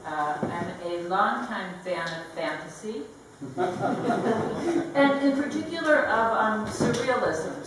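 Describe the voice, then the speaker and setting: Slow, distant woman reading poetry. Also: medium pitch. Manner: slow, deliberate delivery with light laughs between lines. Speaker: poet. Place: gallery event room. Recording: very echoey room, voice heard from afar with faint background hiss.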